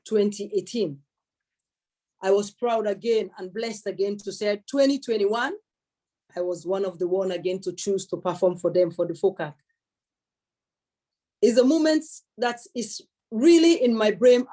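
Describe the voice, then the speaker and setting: A woman's voice: medium pitch, darkish tone. Young woman speaking at an event, earnest and emphatic, says things twice. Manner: earnest, emphatic, repeats phrases, thanks many people. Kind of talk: emotional public speech.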